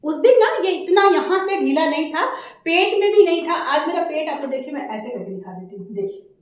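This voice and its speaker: A high-pitched woman in her thirties with a Jharkhand Hindi accent, chatting loud and fast to the camera in a casual home vlog. No separate mic, only the camera's own, so her voice carries an echoey room around it. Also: expressive. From India. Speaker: vlogger. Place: indoors at home. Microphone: camera mic without a separate microphone.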